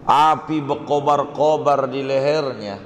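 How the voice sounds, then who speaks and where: A man voicing a grieving mourner who retells in a high, sing-song wail how he watched his dead brother suffer in the grave. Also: slow, slight background noise, lightly acted. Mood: distraught. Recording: echoey hall with faint ambience.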